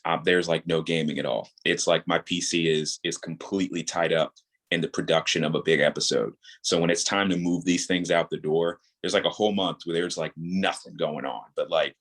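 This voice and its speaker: Guesting on a podcast, an audio drama creator in his thirties talks about his creative craft in a casual interview, using a deep, slightly bright voice. He repeats points to drive them home.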